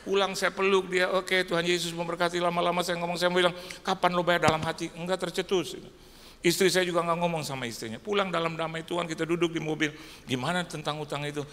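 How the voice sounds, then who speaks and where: A man delivers a sermon, acting out conversations and moving from hushed asides to loud outbursts. His voice sits a little high and rings bright and forceful. It echoes through a large church hall, with a faint hum of room noise behind him. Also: fast. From Indonesia. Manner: animated storytelling, acts out dialogue, swings from hushed to loud. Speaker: pastor.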